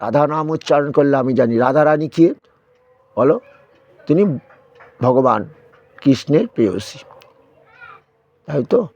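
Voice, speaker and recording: A man's voice: a little high, lively intonation, a little slow, long pauses, a little mellow, lo-fi sound. Man preaching, scolding with questions. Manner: admonishing, rhetorical questions to listeners. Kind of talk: devotional sermon with chanting.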